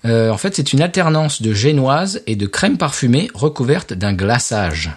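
A man's voice: medium pitch, very animated, moderate pace, slightly rough. A middle-aged man co-hosting a casual podcast chat, explaining things at length with frequent hesitations. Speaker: podcast co-host.

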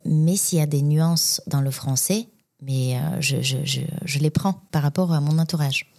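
Woman, Bulgarian accent, low voice, gravelly fry, hesitant, lots of restarts. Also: moderate pace, a little mellow. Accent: Bulgarian, with a slight Québécois tinge. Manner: hesitant, many restarts and fillers, laughs often. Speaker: guest, professional dancer. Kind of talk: casual interview talk.

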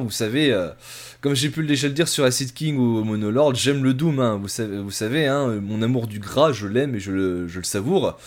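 A man hosting a music podcast, reviewing a band in a rambling, self-mocking, filler-heavy way. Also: medium pitch.

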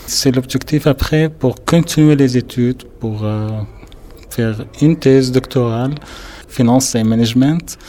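Syrian student with a mellow voice. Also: male voice, medium pitch, a little slow. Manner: hesitant, searching for words. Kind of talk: interview.

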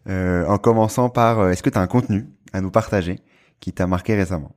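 A man hosting a casual podcast interview, relaxed and friendly, pausing with fillers. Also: low-pitched. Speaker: podcast host.

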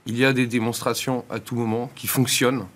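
A man giving explanatory answers as an interview guest, measured and articulate, pausing between phrases. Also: medium pitch, flat delivery. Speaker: institute director and founder, interview guest.

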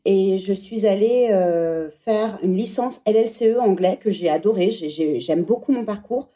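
A woman's voice: mid-range voice, normal speed, mellow. A woman in her thirties, a podcast guest and former teacher, speaking reflectively in a conversational interview. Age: 30s. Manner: reflective, thinking aloud.

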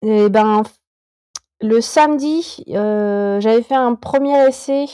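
A woman's voice: on the high side, slow, mellow, no room sound, clean studio sound. A woman in her thirties, a climber guest on a podcast, chatting casually and hesitantly with many fillers and restarts. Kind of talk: casual interview chat.

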